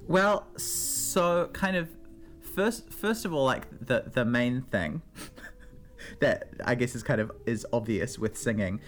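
A woman's voice: extremely low pitch, lively intonation, slow pace, soft background music. A woman with a New Zealand accent, a regular guest on a radio segment about words, chatting casually with many fillers and restarts.

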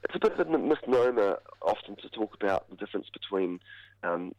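A man, croaky from a cold, giving measured, halting analysis as a commentator in a radio interview. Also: fairly low pitch, expressive, no room sound. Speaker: political commentator, university academic. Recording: dull, band-limited radio audio.

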